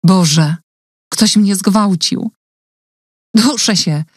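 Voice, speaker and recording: A woman's voice: fairly low pitch, steady tone, moderate pace, darkish tone, no room sound, studio quality. A woman voicing a hurt, frightened young woman who pleads between sobs in an audiobook reading. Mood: sobbing.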